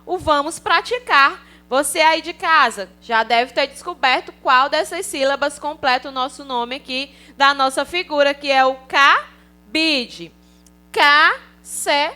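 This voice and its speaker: This Brazilian primary school teacher, accented in Brazilian Portuguese, teaches little ones in a recorded online class with a cheerful, coaxing manner and frequent check-ins. Her high, pushed, bright voice keeps a moderate pace with few pauses.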